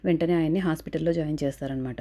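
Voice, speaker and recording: A woman's voice: low voice, mellow. A woman hurriedly recapping a TV serial episode, often stopping to correct herself and restart. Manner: hurried retelling with frequent self-corrections and restarts. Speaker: serial reviewer. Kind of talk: fast episode recap narration.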